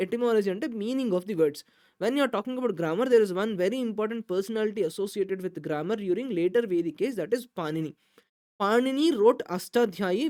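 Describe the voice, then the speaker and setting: A woman tutor talks through exam material at a mid-range pitch. She hurries through the Telugu stretches, then slows and spells out each point in English. Her tone is explanatory, and she keeps flagging what will be asked. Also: darkish tone. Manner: switches between Telugu and English, fast in Telugu and slow, deliberate in English; explanatory, stresses which points are important. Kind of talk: recorded exam-prep lecture.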